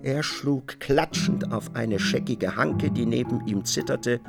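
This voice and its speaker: Gravelly male radio play narrator. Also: medium pitch, slow, loud music behind the voice. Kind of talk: scripted literary narration.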